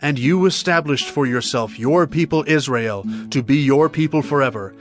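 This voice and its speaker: In a dramatized audio Bible, a man plays a humble, devout king, declaiming earnestly with reverence and gratitude. His voice is natural and medium-pitched at a normal pace, over soft plucked guitar music.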